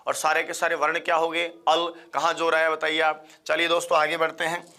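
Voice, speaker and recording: A man teaching a live online class, quizzing listeners and repeating questions and answers in a fast, chatty way. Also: a little high, monotone, pushed and bright. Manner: fast-paced, chatty, addresses viewers as friends. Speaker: Sanskrit exam teacher.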